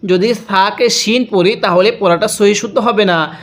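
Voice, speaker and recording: A man with a Bangladeshi Bengali accent teaching a Quran reading lesson, patiently explaining each rule and then slowly reciting the words with drawn-out sounds. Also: sits high, a bit bright.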